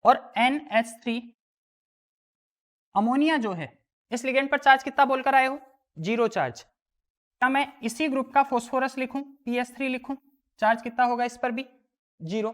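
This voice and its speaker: A woman's voice: high-pitched, normal speed, pauses often. A woman teaching a chemistry lesson, asking the class questions and answering them herself. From India. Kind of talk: classroom lesson explaining worked exam problems.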